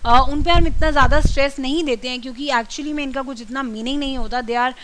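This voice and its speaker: High bright-voiced woman teaching. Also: brisk, rough recording. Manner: explanatory, drills words with exaggerated stress. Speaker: communication skills trainer. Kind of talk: classroom lecture mixing Hindi and English.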